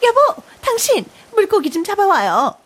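A woman playing a motherly, excitable beaver wife in a storybook, fussing with emotion. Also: extremely high pitch, normal speed, full character voice. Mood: overjoyed, tearful. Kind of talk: storybook character voice.

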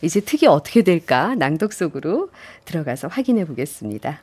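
A woman's voice: low-pitched, big pitch swings, brisk, a little mellow, breathy edge. A woman hosting a radio show, reading listener messages and narrating a story. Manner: friendly, reads listener messages. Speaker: radio host.

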